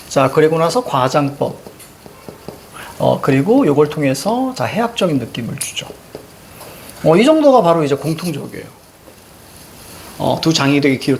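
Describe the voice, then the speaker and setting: Lively teacher quizzing students. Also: mid-range voice, a little hiss or hum. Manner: keeps checking in with short questions to students; recites poem lines in a sing-song lilt. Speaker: Korean literature teacher. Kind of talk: classroom lecture.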